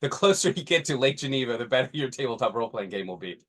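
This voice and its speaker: Speaking fast with lively intonation and a medium pitch, this forties podcast co-host chats in a loose, rambling way. His thoughts often break off and start over.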